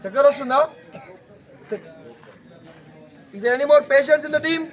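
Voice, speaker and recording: A young man with an Indian English accent, switching into Telugu as he teaches a self-defense class to students, calling out loud commands. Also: very high-pitched, rapid-fire. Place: outdoors at a school, large group of students. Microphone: no microphone, camera at a distance. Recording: dull lo-fi sound, crowd noise.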